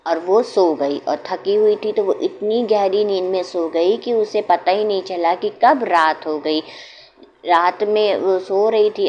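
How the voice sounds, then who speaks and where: A woman narrating a village folk tale in a homely, unhurried way, pausing to explain old customs. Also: lowish voice. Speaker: storyteller. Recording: dull lo-fi sound, faint noise.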